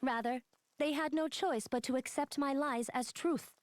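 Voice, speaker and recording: A woman's voice: high-pitched, normal speed, dry recording, lightly acted. A woman voicing a guilt-ridden young female android in a video game, with a formal, robotic delivery. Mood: troubled. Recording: game audio with music behind. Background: game background music.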